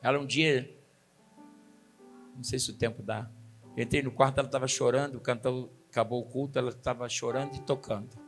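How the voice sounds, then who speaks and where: A man's voice: mid-range voice, steady tone, faint music behind. A middle-aged man, preaching a sermon in a church with rising exclamations. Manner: preaching with rising exclamations, then slow singing. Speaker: pastor. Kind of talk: sermon with sung worship.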